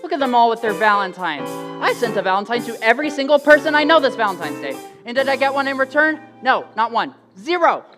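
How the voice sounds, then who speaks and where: A woman's voice: on the high side, very animated, quick pace, fairly bright tone, faint music behind. A woman playing a gloomy, hapless young boy in a stage musical, anxious and self-doubting, talking to himself, caught live on a theater stage with instruments playing. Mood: dejected. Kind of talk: stage musical acting and singing.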